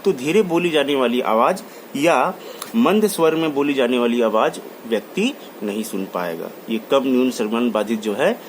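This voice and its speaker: A man's voice: mid-range voice, animated, moderate pace. A man giving a classroom lecture, repeating key terms and restating each point, mixing English terms into his talk. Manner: mixes English terms into Hindi. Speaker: college lecturer. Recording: faint background noise.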